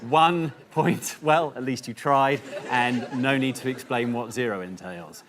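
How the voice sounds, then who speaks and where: Man, comedy panel host, dry, sarcastic, mid-pitched voice, faint hiss. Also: measured pace. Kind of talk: hosting a comedy panel show.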